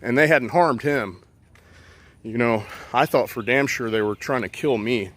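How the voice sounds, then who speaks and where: A man's voice: mid-range voice, unhurried, fairly bright tone. A man casually telling a personal story outdoors, rambling and profane with many fillers.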